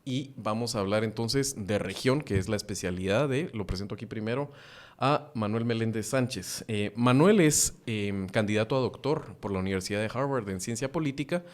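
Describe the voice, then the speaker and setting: A man hosts a podcast panel in an easygoing, chatty way. His voice sits low, and he keeps stopping to fill gaps with "eh" and "em" as he feels his way through introductions. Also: moderate pace. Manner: animated, hesitant with fillers. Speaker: podcast host. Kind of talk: casual panel talk.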